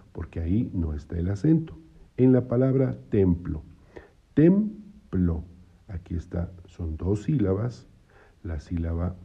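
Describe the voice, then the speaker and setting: A man with a low, dark, slightly rough voice and some vocal fry gives a patient lesson on biblical Hebrew syllables. He repeats his points and keeps checking in with listeners by asking "¿no?". The audio sounds dull.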